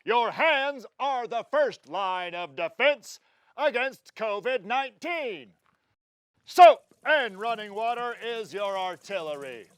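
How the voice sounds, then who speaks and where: An actor playing a strict male army drill sergeant who shouts commands at recruits. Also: high-pitched, expressive. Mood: commanding. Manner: shouted military commands, drawn-out emphatic delivery. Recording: long reverb with music underneath.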